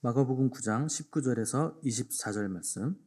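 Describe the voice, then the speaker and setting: A male pastor delivering a Sunday sermon, retelling scripture with acted-out dialogue and sudden swings from quiet to forceful. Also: medium pitch, fairly quick. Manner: acts out biblical speakers in dialogue, swings between hushed and emphatic.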